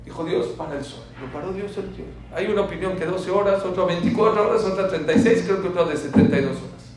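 A man teaching a sermon full of stories, swinging between soft asides and loud emphatic bursts. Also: sits high, fast talker. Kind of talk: sermon with storytelling. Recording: very echoey room from far off, faint hiss.

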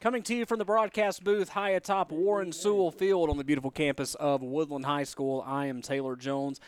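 Higher-voiced male sports broadcaster. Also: steady tone, brisk. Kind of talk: pregame commentary with read headlines.

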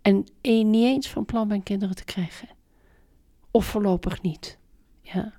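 Her dark, mid-range voice stays fairly even and unhurried as this middle-aged woman, a parenting expert, talks with emphasis about raising kids. She's being interviewed conversationally and keeps circling back to her main points.

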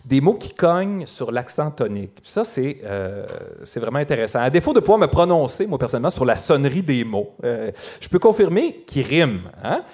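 Homme québécois, animateur blagueur et expressif. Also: male voice, mid-range voice, big pitch swings, brisk, hardly any pauses, a little mellow. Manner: playful, joking wordplay, frequent laughs. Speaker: podcast host. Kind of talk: live comedy podcast commentary. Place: live show in a concert hall.

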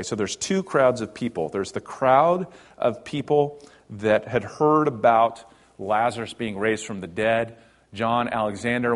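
A man delivering a sermon at a middle pitch, talking to the congregation like a teacher explaining a text. His delivery swings between emphatic bursts and quiet, low passages. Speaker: pastor.

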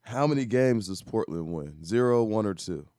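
A man co-hosting a casual sports podcast, putting quick questions to his partner. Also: fairly low pitch, animated, mellow, no echo, studio quality. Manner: quizzing, giggly. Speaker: podcast co-host.

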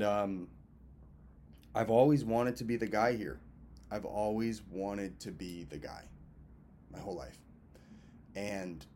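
This twentysomething filmmaker and event host from Massachusetts speaks in a lowish, slightly mellow voice over faint background noise. Vlogging his birthday check-in from a hotel, he rambles casually, curses freely, and chats with viewers as if they were friends.

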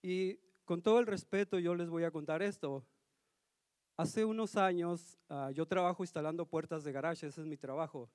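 Man, guest preacher, earnest storytelling sermon, slightly higher voice, dry sound. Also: normal speed, a little mellow, no echo. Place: church hall.

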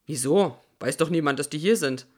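Audiobook: reader playing an offhand, loud man on the radio, pitched down. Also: normal speed.

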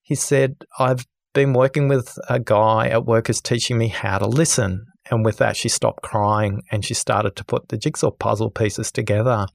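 A man who is a guest on a podcast, telling a story with lively energy and acting out the people in it. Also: mid-range voice, normal speed, vocal fry, hardly any pauses, no room sound, clean studio sound. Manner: lively, acts out the people in his stories. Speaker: podcast guest, listening expert. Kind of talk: animated storytelling in conversation.

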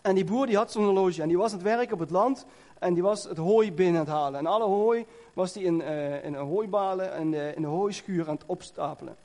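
Chatty male preacher, high mellow voice. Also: fairly quick. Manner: conversational storytelling with many fillers. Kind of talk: sermon. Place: church.

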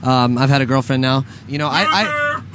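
A man's voice: mid-range voice, huge pitch swings, normal speed, heavy background noise. A young man hosting a radio talk show, chatting casually with many fillers, jokes and laughs. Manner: rambling, laughing, joking.

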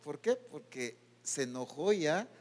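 A man preaches a sermon in a church hall. He climbs to loud, urgent peaks, then drops to quiet, low lines, and at times he talks straight to his own soul. A long hall reverb hangs on every phrase. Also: sing-song, measured pace. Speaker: pastor.

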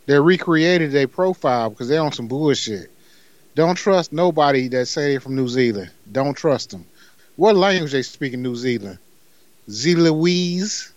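A man's voice: on the high side, lively intonation, moderate pace, no room sound. A man co-hosting a casual podcast, laid-back and joking. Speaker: podcast co-host. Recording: dull lo-fi recording.

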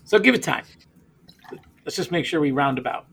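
A man's voice: fairly high pitch, animated, moderate pace, gravelly, fairly bright tone, breathy edge. A man hosting a casual beer podcast, rambling with stammered restarts and laughing often. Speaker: podcast host.

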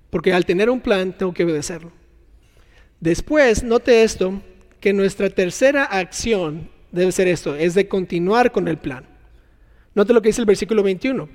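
Male preacher, high-pitched and animated, voice ringing in a reverberant hall. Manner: animated, acts out scenes with sound effects. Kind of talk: sermon.

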